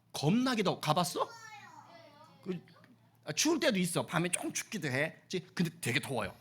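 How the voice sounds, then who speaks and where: A man's voice: high-pitched, fairly bright tone, husky. A man preaching a children's sermon as pastor. He talks playfully, asking the children questions and teasing them.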